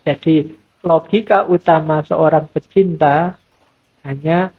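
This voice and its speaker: A middle-aged man giving a relaxed, conversational mosque lecture as a philosophy teacher. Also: a little high, slow, husky. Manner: relaxed conversational preaching, acts out quoted voices. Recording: thin phone-like lo-fi sound.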